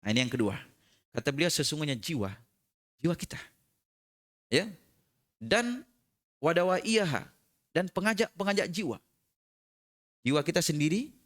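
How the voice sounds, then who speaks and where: A man preaching a sermon in a prayer room, moving from slow chanted recitation to lively joking explanation. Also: high voice.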